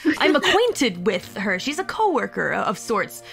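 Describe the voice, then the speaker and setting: A woman's voice: medium pitch, big pitch swings, normal speed, gravelly, over music. Woman voicing a stammering male janitor. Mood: flustered. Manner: stammering, hesitant. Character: flustered male bar janitor.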